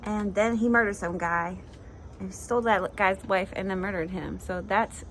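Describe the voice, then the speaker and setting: A woman's voice: mid-range voice, fairly even intonation, moderate pace, slight background noise. Chatty woman hosting a Bible chat. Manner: chatty, laughs often, acts out quoted speakers. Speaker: devotional host.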